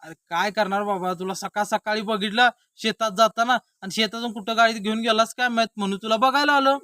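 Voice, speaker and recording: A man's voice: high voice, fairly even intonation, fairly quick, bright, forceful tone, smooth, no echo, studio quality, pitched above the performer's own voice. A man voicing a grumbling, unmarried village friend.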